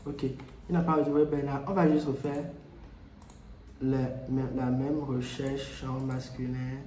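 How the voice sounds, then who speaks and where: Mellow-voiced man explaining in an echoey room. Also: medium pitch, flat delivery, a little slow, a little hiss or hum. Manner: explanatory, with frequent hesitations and repeats. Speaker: tutorial host. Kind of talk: screen-recorded software tutorial.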